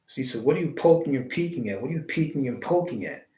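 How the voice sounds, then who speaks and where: A man's voice: medium pitch, animated, fast, dark tone. A man hosting a live stream, giving a preachy spiritual monologue full of wordplay and rhetorical questions. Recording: roomy echo.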